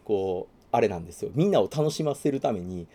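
A man talks quickly in a casual chat, his pitch swinging widely as he gets carried away. He keeps breaking into little acted-out lines for the characters he describes. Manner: animated, acts out character lines in funny voices. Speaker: guest recommending a manga.

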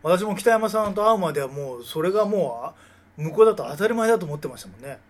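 Teasing man with lively pitch. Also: quick pace. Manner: teasing, laughing, frequent backchannels. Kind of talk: casual chat.

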